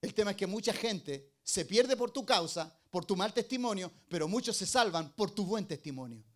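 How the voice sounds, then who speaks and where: A middle-aged male pastor with a very high voice, preaching a sermon. He fires rhetorical questions at the congregation and swings between loud, stressed phrases and low, quiet asides. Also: lively intonation, normal speed.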